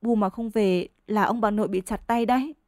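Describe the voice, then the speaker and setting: A woman reading as a scared little village boy, pleading anxiously with his mother. Her voice sits mid-pitch, with a dry, close sound. A storybook child in distress. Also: fairly even intonation, brisk, a little mellow, dry recording, close to an everyday voice. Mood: panicked. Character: frightened young village boy.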